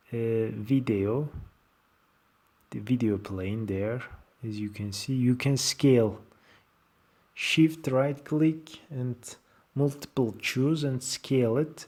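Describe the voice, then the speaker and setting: A man with a Turkish accent walks through an informal software tutorial. He speaks slowly, at a middling pitch, in halting and fragmented non-native English phrases. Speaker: tutorial presenter.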